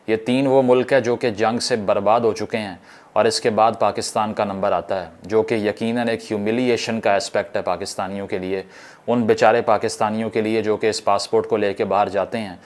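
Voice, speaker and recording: A man from Pakistan giving formal political commentary, measured, with English phrases woven in. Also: lowish voice.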